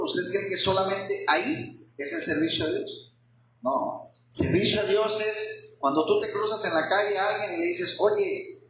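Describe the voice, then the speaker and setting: A man preaching an expository sermon to his congregation in a church hall, often pausing to ask them rhetorical questions. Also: high-pitched, bright, forceful tone, a little hiss or hum. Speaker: pastor. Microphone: handheld microphone.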